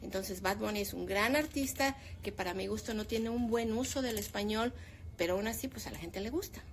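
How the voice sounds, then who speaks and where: A woman's voice: mid-range voice, brisk, slight background noise. A woman in her fifties, a teacher, talking about language in a casual discussion and giving her opinions with animation. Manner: opinionated, animated when making a point.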